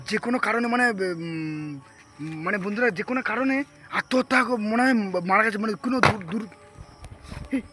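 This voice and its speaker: A man's voice: very high voice, a bit bright. A man filming a ghost-hunting vlog, talking to his viewers as friends with jumpy, frightened exclamations. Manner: jumpy, frightened exclamations, repeated calls of mother. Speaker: vlogger.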